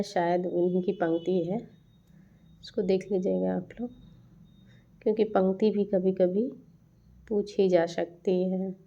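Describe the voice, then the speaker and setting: A woman teaching a Hindi grammar lesson, reciting verse lines slowly and then explaining them. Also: mid-range voice, mellow. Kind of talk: lecture on poetic figures of speech. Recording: dull lo-fi sound.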